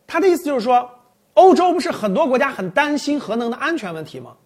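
A woman's voice: high voice, sing-song, fast, a little mellow. A woman giving casual, opinionated commentary on a list of forecasts, setting each point against her own view in loose phrases with restarts. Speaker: finance commentator.

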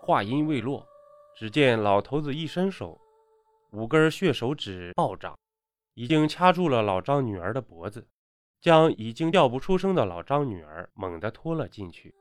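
Animated male horror storyteller. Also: medium pitch, moderate pace, no echo, clean studio sound. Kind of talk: spoken horror story narration.

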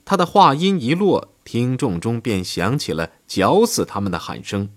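A man with a mid-range voice narrates a history audiobook at a moderate pace. His delivery is steady and scripted, and he lifts his voice for quoted speech.

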